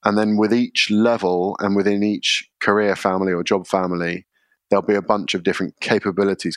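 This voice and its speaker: A man, a podcast guest explaining his workplace practices in a measured way, often using fillers. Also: deep voice, no echo, clean studio sound. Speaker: guest, contact centre leader. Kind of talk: podcast interview answers.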